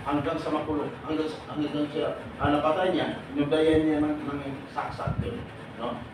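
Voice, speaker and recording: Animated man in an echoey room. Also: a little high, normal speed. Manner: animated, laughing, asks the listeners direct questions. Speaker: OFW advocate speaking to a group of workers. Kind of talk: lively talk to a live group. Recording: echoey room, mic far off, background noise.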